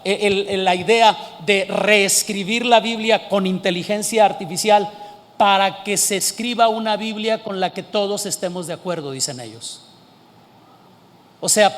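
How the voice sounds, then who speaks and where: Pastor guy preaching, pretty high voice, big echoey hall, gets loud and slow on the key words. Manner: preaching, rising to emphatic shouts and slowing for stress. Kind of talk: sermon.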